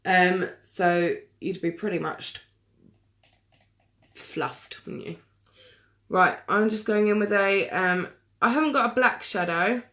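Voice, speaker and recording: A woman chatting casually through a live makeup tutorial, self-deprecating and quick to laugh. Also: mid-range voice, fairly bright tone. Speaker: makeup vlogger.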